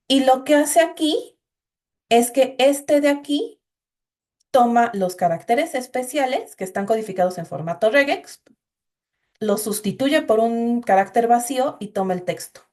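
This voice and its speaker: A woman's voice: a little high, a little mellow. A woman giving an informal, explanatory recorded programming class and talking directly to her students. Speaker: instructor.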